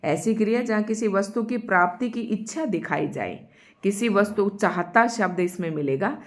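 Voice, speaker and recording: A woman leads an online grammar lesson in a voice of ordinary, mid-range pitch. She works through each term patiently and says her example sentences twice, slowing down so the class can follow. She keeps speaking straight to her learners. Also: animated. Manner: explains step by step, repeats example sentences slowly; addresses students directly. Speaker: Hindi grammar teacher.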